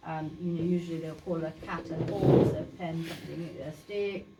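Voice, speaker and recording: A low, fairly level voice at a moderate pace comes through a very noisy, echoey recording made at a distance in a community meeting room. The speaker, a Bangladeshi woman whose native language is Sylheti, gives the group an informal talk with plain explanations, many fillers, and restarts.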